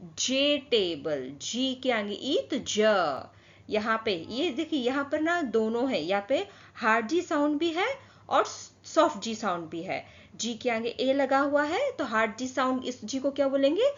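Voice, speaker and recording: Slow, patient woman teaching phonics. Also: high voice, lively intonation. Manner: slow, drawn-out word modelling with repeated questions. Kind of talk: phonics lesson for children. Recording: dull lo-fi sound.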